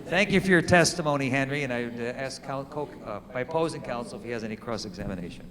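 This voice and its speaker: Male lawyer, measured questioning, echoing courtroom. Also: medium pitch, expressive, background noise. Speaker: attorney. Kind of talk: courtroom examination in a mock trial. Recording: long hall reverb.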